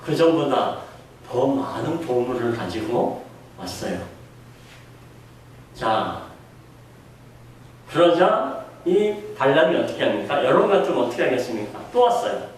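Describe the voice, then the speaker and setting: Preacher in an echoey hall. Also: male voice, mid-range voice, sing-song, a little slow, long pauses, a little hiss or hum. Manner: asks the congregation questions and acts out quoted voices. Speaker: pastor. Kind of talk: sermon. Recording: echoey room heard from a distance.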